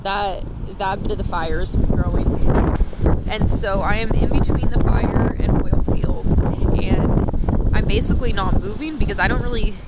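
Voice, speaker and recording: A woman's voice: medium pitch, moderate pace. A woman talking casually and anxiously on a live phone stream, rambling as she speaks over strong wind on an exposed clifftop. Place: outdoors at night on a windy roadside ridge. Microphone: handheld phone. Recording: loud wind buffeting the microphone.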